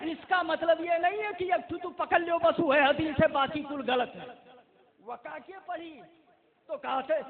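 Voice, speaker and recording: A man delivers a fiery sermon in a mosque, speaking with a tinge. His voice sits very high and climbs into shouts as he recites Arabic quotations. The recording is thin and phone-like. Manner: impassioned, rising to shouts, quotes Arabic. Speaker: Islamic preacher. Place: mosque gathering.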